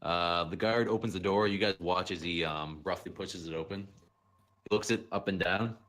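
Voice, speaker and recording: A man running a tabletop game as game master, relaxed and chuckling, with fillers. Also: sits low, moderate pace.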